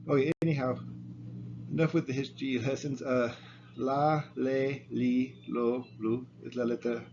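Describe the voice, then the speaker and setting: A man's voice: medium pitch, little pitch movement, a little mellow. A man teaching a language pronunciation lesson, patiently sounding out syllables and asking the listener to repeat. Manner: patient, repeats syllables slowly, chuckles at own slips. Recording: dull lo-fi sound, faint room noise.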